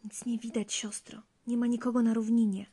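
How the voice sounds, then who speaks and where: A woman's voice: a little high, flat delivery, a little fast, mellow, slightly rough, voice pushed up. A woman doing sisters calling from the walls. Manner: calling out, raised.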